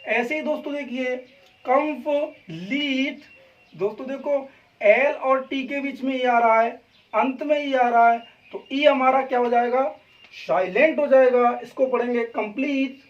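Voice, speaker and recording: A man's voice: very high-pitched, normal speed. A male teacher from India giving a pronunciation lesson, who keeps asking a question, answering it himself and calling his listeners friends. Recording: dull lo-fi sound from a distant mic.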